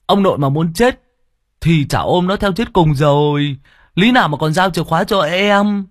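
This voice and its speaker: A man's voice: fairly high pitch, expressive, normal speed, no room sound, studio quality, pitched above the performer's own voice, lightly acted. A man voicing a chubby boy disciple who stammers and wails in tears over his master. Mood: protesting. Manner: wailing, stammering.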